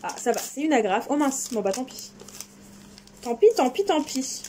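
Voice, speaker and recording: A woman's voice: high voice, animated, moderate pace, dark tone, slight background noise. A woman chatting casually and enthusiastically while unboxing craft supplies in her vlog. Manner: enthusiastic, chatty, exclaims often. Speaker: crafting vlogger.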